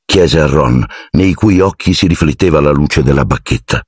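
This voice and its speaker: A man narrating an audiobook in an expressive storytelling manner. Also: very deep voice, moderate pace, slightly rough, no room sound, studio quality. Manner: expressive storytelling, shifting into character voices. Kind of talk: scripted narration.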